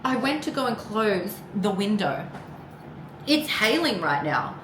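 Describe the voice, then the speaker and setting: A woman's voice: mid-range voice, big pitch swings, unhurried. Lady doing a chatty rambling tarot reading, swears a bit, roomy echo, noise in the background. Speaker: tarot card reader. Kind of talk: casual tarot reading with personal asides. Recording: echoey room with clear background noise.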